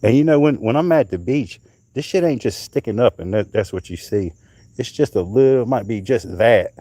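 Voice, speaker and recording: Out in the summer heat at night, a middle-aged host from North Carolina casually shows off his finds on a livestream, swearing as he rambles. His voice is mid-range and dark with lively intonation and a moderate pace, on a dry recording.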